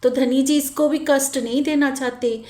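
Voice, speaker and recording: A woman giving a gentle devotional sermon, pleading and repeating lines slowly for emphasis. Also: sits high, fairly even intonation, reverberant. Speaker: spiritual preacher.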